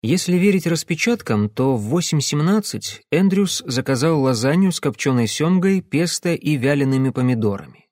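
A man's voice: a little high, expressive, moderate pace, a little mellow, dry recording. A man narrating an audiobook in the first person, in a dry, understated way.

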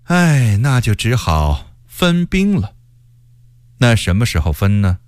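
Man doing a scheming court eunuch, shrill laugh, drawling, arrogant, slow. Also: very animated, darkish tone, clear, resonant tone, no echo. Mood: haughty. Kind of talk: storytelling character voice.

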